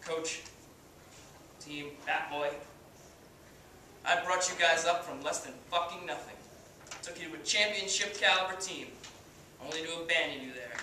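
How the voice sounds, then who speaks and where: A young man playing a cocky, foul-mouthed baseball star, giving a swaggering halftime pep speech with deliberate pauses. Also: a little high, pushed and bright. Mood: solemn, grandiose. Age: young adult. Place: indoor hall, stage area, far camera. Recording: distant, very echoey room, faint noise.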